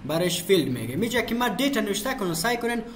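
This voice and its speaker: A man walks through a software tutorial in a fairly high voice. He keeps asking a question and then answering it himself. A faint hiss of background noise sits under the recording. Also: big pitch swings. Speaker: computer teacher.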